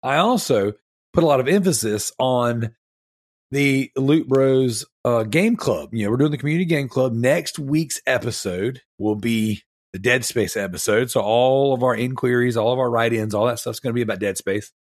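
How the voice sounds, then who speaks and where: A medium-pitched man talks at normal speed on a casual podcast, captured in a dry, studio-quality recording. He's ill with strep throat, mouth-breathing, and his voice sounds wheezy, stuffed up and snotty as he rambles enthusiastically in loose slang.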